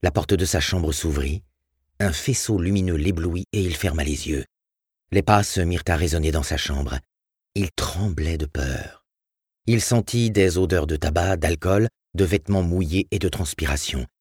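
A man reading a tense story aloud with dramatic, expressive narration. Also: low voice, breathy edge, dry recording, studio quality. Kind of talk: audiobook narration.

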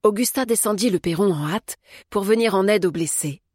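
A woman reading an audiobook as narrator, in a calm, measured way. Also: mid-range voice, breathy edge, no echo, studio quality. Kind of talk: scripted narration.

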